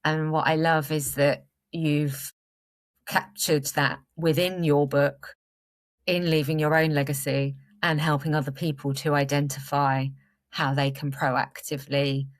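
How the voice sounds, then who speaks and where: A woman's voice: sits low, flat delivery, measured pace, no echo, clean studio sound. A woman podcast host who speaks with a smile, enthusiastic about her guest's work as she leads into her next question. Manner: smiling, enthusiastic. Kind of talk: interview host.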